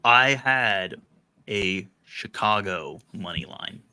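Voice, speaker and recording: A man with a lower voice and a bright, forceful edge talks through casual sports chat as a podcast co-host. His tone is playful and teasing. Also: slow, clean tone.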